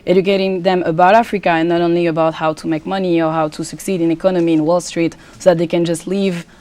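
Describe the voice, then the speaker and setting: A young pageant contestant and student guest from the Democratic Republic of Congo speaks with a French accent in a lowish, slightly mellow voice with little pitch movement. In a casual interview she answers earnestly but haltingly, often restarting her sentences.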